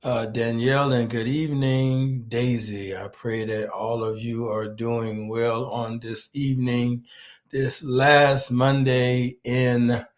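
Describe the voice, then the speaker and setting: Preaching online with a cold that leaves him hoarse and a bit nasal, this pastor speaks at medium pitch with a flat delivery. He moves slowly and haltingly, calling out to viewers by name.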